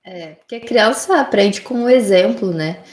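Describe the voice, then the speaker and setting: A woman, a mother, calmly explaining her views on raising children in casual conversation. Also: medium pitch, normal speed, echoey room. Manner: calm, explanatory, frequent "né?".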